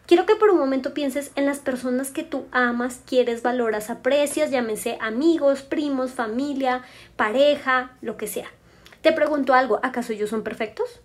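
High-voiced woman coaching her listener. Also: normal speed. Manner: gentle, coaching, speaks straight to the listener. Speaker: podcast host. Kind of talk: self-help podcast, guiding a written exercise.

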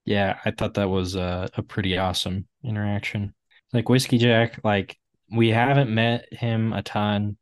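A man's voice: lowish voice, level tone, measured pace, no room sound, studio quality. A man co-hosting a casual book discussion podcast, rambling with lots of "like" fillers. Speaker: podcast co-host.

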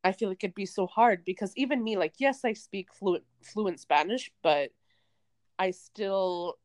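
Recording remotely away from her co-host, this young Canadian podcaster keeps the conversation casual, wandering off on tangents and using lots of filler words. She has a mid-range, darkish voice and talks a little slowly. The audio is dry and of studio quality.

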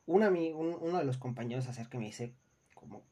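A young man with a Mexican Spanish accent speaks in a dark, mellow voice, chatting frankly about dealing with rude customers. He drops casual swearing and slips into quick imitations of the people in his stories. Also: medium pitch, lively intonation. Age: young adult. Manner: acts out customers and coworkers in quoted voices. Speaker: customer service worker. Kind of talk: casual storytelling monologue.

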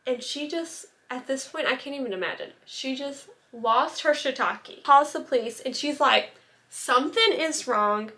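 A woman's voice: sits high, normal speed, hardly any pauses, bright, forceful tone. A young woman casually telling a true-crime story, chatty, full of "like" and little asides. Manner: chatty, many "like" fillers and asides.

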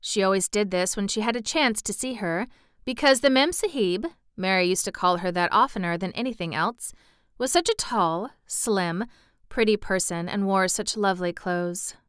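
A woman reads a storybook aloud in an expressive way. Her voice is bright and very clear, at an ordinary middle pitch. The recording is clean and dry, with no room sound around it. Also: moderate pace, no room sound. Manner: expressive reading with brief asides. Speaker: audiobook reader. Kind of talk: storybook narration.

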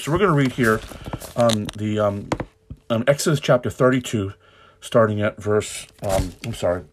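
Male preacher, lower register, loose off-the-cuff podcast sermon, self-correcting and chuckling.

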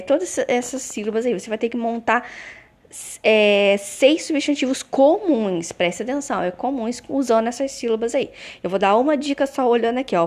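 A woman teacher with a Brazilian Portuguese accent, giving a recorded lesson to schoolchildren, patient and explaining step by step with light teasing jokes. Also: fairly high pitch.

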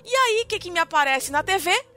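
A young adult woman with a Brazilian Portuguese accent, co-hosting a podcast and telling a story in an animated, dramatic way, full of fillers. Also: very high voice, fairly quick, faint music behind. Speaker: podcast co-host. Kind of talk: casual storytelling chat.

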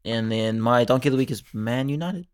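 A man's voice: medium pitch, fairly quick. A young man co-hosting a podcast, chatting casually about sport in a slangy, matey, jokey way. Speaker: podcast co-host.

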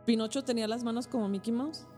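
A woman's voice: on the high side, quick pace, over music. A woman with a Mexican accent casually retelling a film plot as a podcast host, full of slang and loose rambling. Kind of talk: casual storytelling.

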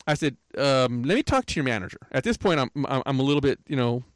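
A man's voice: mid-range voice, expressive, fast talker, no echo. An older man telling a rambling, aggrieved story in a casual rant, often tagging his lines with "right?". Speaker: podcaster.

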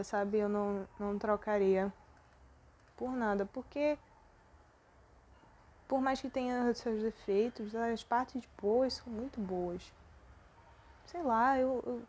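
A woman's voice: fairly high pitch, a little mellow. A young Brazilian woman hosting a personal podcast, talking in a rambling, self-deprecating and emotional way. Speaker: podcast host.

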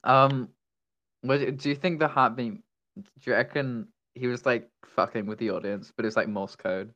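A teenage man, co-hosting a casual podcast with quick, teasing interjections over an online call. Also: medium pitch, steady tone, bright, forceful tone, lo-fi sound. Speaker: podcast co-host. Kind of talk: casual chat.

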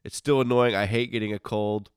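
Here a solo podcast host with a low voice talks casually and a little fast, keeping his intonation fairly even. His sinuses are congested and his nose stuffed, but the dry, close recording keeps his voice smooth and clean. Informal and grumbly in his asides, he frequently interrupts himself mid-sentence.

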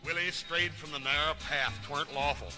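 Brief: male actor as a hearty ranch son, higher voice, folksy drawl, western musical. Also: fairly even intonation, fairly quick, music in the background, natural voice. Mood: singing. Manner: folksy drawl, sings comic ballad. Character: big good-natured grown son on a ranch. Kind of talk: old-time western musical episode.

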